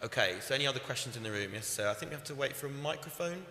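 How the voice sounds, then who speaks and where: A man moderating a conference panel, briskly reading out comments and taking questions from the room. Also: mid-range voice, lively intonation, bright, forceful tone. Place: conference hall, live panel. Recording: echoey hall with faint noise.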